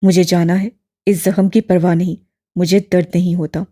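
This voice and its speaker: A woman voicing a wounded young man who answers in a flat, clipped, displeased way, lower than her own voice. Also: normal speed, close to an everyday voice. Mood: sullen. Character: wounded young man, curt, resentful and withdrawn.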